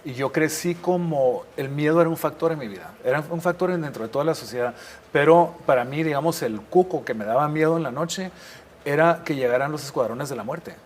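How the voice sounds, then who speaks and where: A man's voice: fairly high pitch, brisk, slight background noise. Man from Guatemala telling war stories. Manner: reflective storytelling with frequent restarts. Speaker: guest, war correspondent. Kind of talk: interview conversation.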